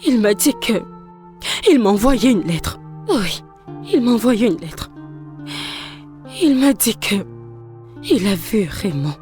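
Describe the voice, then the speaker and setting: A woman's voice: mid-range voice, big pitch swings, takes it slowly, long pauses, darkish tone, soft background music. An actress dubbing an emotional young woman who pleads and cries out, in a French film dub. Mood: bitter. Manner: pleading, emotional, often crying out.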